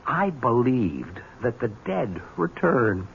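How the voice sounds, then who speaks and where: A man's voice: medium pitch, very animated, takes it slowly, creaky, fairly bright tone, heavily acted. An actor playing a suspicious, combative young man engaged to an heiress, in a radio drama heard through an old AM radio broadcast. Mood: bitter. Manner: tense, defiant. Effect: old AM radio broadcast sound. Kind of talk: 1970s radio drama acting. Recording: dull lo-fi old radio broadcast with faint hiss.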